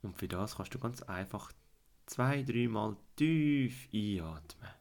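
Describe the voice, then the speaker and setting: Low-voiced Swiss German sleep story narrator, man. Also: expressive, vocal fry. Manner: soothing, slow instructions with repetition, at times dropping to a hush. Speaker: guided relaxation narrator. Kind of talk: sleep story narration, guided fantasy journey and relaxation.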